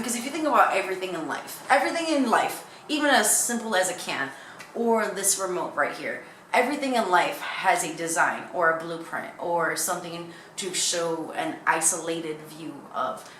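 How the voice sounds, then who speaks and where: A woman's voice: fairly low pitch, fairly bright tone. A young woman chatting casually in a candid, rambling way that jumps from thought to thought, like a vlogger talking to viewers. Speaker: YouTuber. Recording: echoey room with faint background noise.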